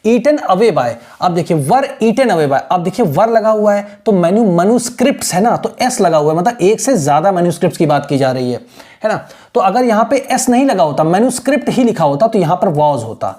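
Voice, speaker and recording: A man's voice: high voice, very animated, normal speed, dark tone. A man teaching a textbook lesson, patiently explaining word by word and mixing in English.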